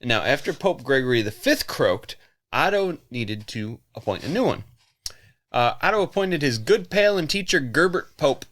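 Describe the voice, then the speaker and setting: A man's voice: medium pitch, sing-song, normal speed, a bit bright. A man co-hosting a casual podcast, telling a history story with lots of jokes and giggles. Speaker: podcast co-host. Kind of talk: casual chat.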